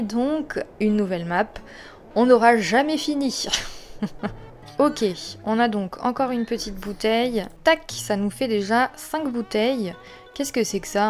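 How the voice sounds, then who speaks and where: A woman hosting a let's play, chatting away and talking fondly to the characters in her game. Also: fairly high pitch. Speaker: gaming channel host.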